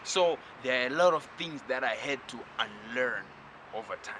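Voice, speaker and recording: A man from Zimbabwe giving a spiritual lecture, talking slowly and reflectively and addressing the listener directly. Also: medium pitch, animated, background noise.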